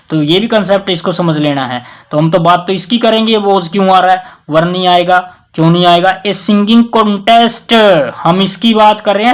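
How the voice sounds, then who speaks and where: High-voiced man teaching grammar, heavy word stress. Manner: stresses words loudly, mixes Hindi with English; addresses listeners with respectful "जी". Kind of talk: casual classroom explanation.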